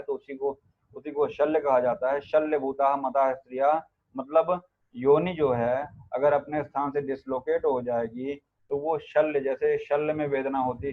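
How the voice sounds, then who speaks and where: A man lectures to students on Ayurveda in an even, level tone, stopping to chant Sanskrit verses and to press the class with quick questions. His voice comes through narrow and tinny, like a phone line, and sits at an ordinary middle pitch.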